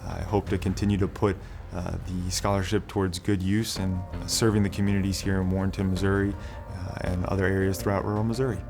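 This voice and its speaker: A man's voice: low voice, level tone, fairly quick, hardly any pauses. A man speaking earnestly and measuredly about community care in an interview. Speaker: primary care clinician, scholarship recipient. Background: background music.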